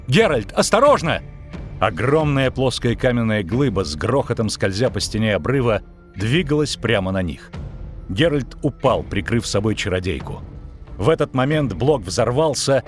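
A man narrating an audiobook in a steady, dramatic reading. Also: mid-range voice. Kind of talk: scripted narration.

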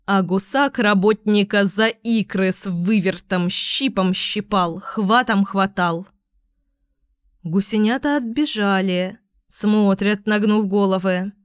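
A woman narrating a storybook tale in an unhurried, even reading. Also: mid-range voice, smooth, dry recording, studio quality.

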